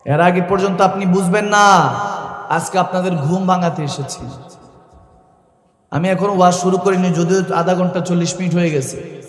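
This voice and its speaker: A man delivering a rousing Bengali sermon to a crowd, building to shouts, asking the crowd questions and chanting verses in a low, slow tone. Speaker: preacher. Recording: echoey public address in a long-reverb hall.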